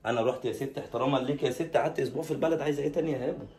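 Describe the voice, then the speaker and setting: A man's voice: medium pitch, very fast, a loud crowd. A man with an Egyptian accent, hosting a vlog with pushy, teasing banter. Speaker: vlogger host. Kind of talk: playful staged vlog banter.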